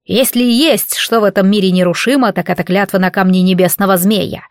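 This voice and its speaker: A woman's voice: mid-range voice, steady tone, a little fast, no echo, studio quality, lightly acted. A woman voicing a grumpy, scolding old village witch who talks in folksy, rustic old speech. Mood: stern. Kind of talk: audiobook character voice.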